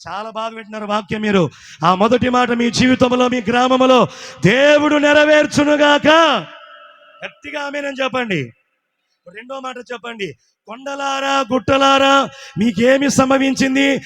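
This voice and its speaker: A man preaching in call-and-response, leading the congregation to repeat lines. He swings from shouted peaks to quiet asides. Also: very high-pitched, steady tone, normal speed. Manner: repeats lines for the crowd to echo. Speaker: pastor.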